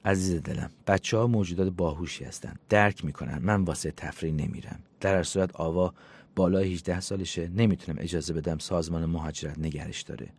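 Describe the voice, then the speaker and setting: A man's voice: low voice, fairly even intonation, darkish tone, breathy edge. A man voicing an insistent woman psychologist friend who scolds and coaxes by turns in a storybook reading. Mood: coaxing. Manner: scolding yet coaxing, talks fast and insistently.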